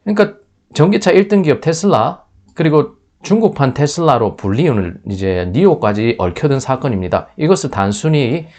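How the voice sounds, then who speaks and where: A man's voice: a little high, animated, normal speed, darkish tone. Man commenting on the news, restarting often. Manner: thinking aloud, with restarts and filler sounds.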